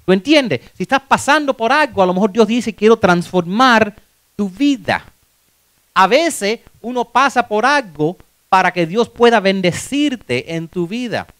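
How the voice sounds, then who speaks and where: A man in his fifties preaching a motivational sermon, animated, dropping English words and acting out voices. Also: high voice, normal speed, clear, resonant tone, no echo. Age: 50s.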